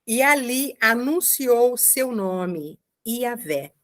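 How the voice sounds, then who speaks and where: A woman giving a commented Bible reading, explaining slowly with frequent checking asides. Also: medium pitch. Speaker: Bible teacher.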